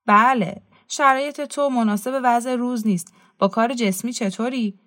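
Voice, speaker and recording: A woman's voice: fairly high pitch, fairly bright tone, dry recording, clean studio sound, voice pushed up, natural voice. A woman reading a cheeky, mocking young man in a storybook, voicing him in a teasing, blunt way. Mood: matter-of-fact.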